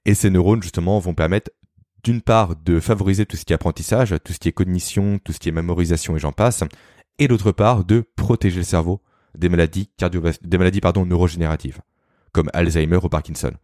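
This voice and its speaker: A man's voice: deep voice, steady tone, darkish tone, dry recording, clean studio sound. A man explaining health topics as a guest, in a didactic, informal way. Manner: fast, didactic, addresses the listener informally. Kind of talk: explanatory podcast talk.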